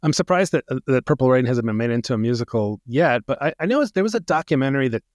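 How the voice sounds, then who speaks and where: A man's voice: mid-range voice, expressive, fast, a little mellow, no echo, studio quality. A man co-hosting a theater podcast, talking casually and hesitantly, often repeating words as he goes. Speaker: podcast co-host.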